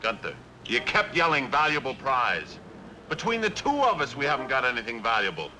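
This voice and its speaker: An actor playing a sensible police partner who sounds anxious and doubtful. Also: male voice, medium pitch, huge pitch swings, fairly quick, bright, forceful tone, soft background music, full character voice, rough recording. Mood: worried.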